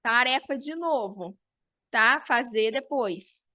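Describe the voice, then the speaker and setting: Slow, bright-voiced woman teacher. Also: fairly high pitch, animated, slight background noise. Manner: slow, explanatory, checks in with "tá?". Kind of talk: online class review lesson.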